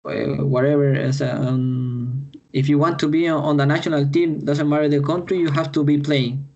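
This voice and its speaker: A Chilean man speaking English with a Spanish accent, stopping and restarting often as he finds his words in an interview. His voice is gravelly and flat in tone, and the audio is dull and lo-fi. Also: fairly high pitch. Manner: halting, repeats words while searching in English. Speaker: footballer guest. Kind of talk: podcast interview answers.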